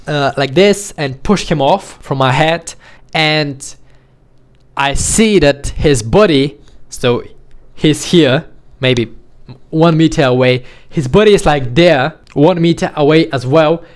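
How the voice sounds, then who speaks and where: Young man telling a story, slightly high voice. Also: slow. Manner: animated, acts out the scene with quoted voices. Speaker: vlogger. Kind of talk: casual storytelling to camera.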